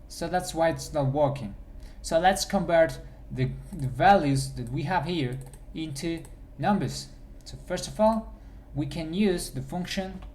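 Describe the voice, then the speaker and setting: A man's voice: on the high side, darkish tone, a little hiss or hum. A man teaching programming in a screencast, thinking aloud as he types and often restarting his sentences. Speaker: programming instructor. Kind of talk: screencast coding tutorial. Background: keyboard typing.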